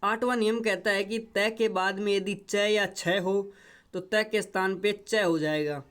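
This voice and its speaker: Man, grammar teacher, high clear voice, slow deliberate pace, repeats each step. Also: fairly even intonation, a bit bright. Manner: repetitive step-by-step explaining. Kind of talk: grammar lesson.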